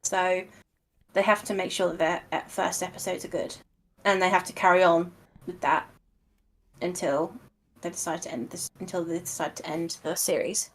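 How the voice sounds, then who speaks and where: A woman's voice: lowish voice, steady tone, normal speed. Woman's voice cutting out on a laggy call. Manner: rambling, repeats herself. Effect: voice cutting out over a lagging online call. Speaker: guest on a streamed chat. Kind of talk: casual chat.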